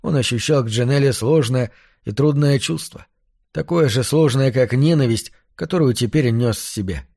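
Male audiobook narrator, measured, even, medium voice, dry close sound. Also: mid-range voice, vocal fry, no echo.

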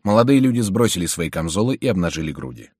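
A man's voice: low voice, fast talker, no echo, clean studio sound. A man reading a historical novel aloud as an audiobook, giving every character a voice. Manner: expressive, voicing every character. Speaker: audiobook reader. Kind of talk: dramatic literary narration.

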